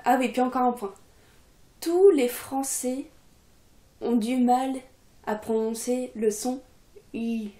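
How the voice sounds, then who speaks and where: Relaxed young woman teacher, unhurried and chatty, warm low-key tone. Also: echoey room. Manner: relaxed, chatty, many fillers. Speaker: Russian teacher, channel coordinator. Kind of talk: casual video lesson.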